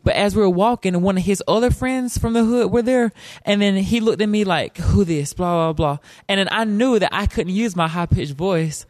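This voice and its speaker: A man's voice: sits high, fairly quick, no room sound, clean studio sound. A young man from South Carolina, telling a personal story in a casual, joking way and acting out quotes. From South Carolina, USA. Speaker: storyteller guest.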